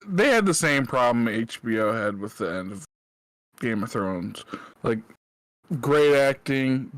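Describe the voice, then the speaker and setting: A man's voice: mid-range voice, smooth, no echo. Laid-back young man hosting, dry sound. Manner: laid-back, swears, reads news with sarcastic asides. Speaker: podcast host. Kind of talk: casual chat.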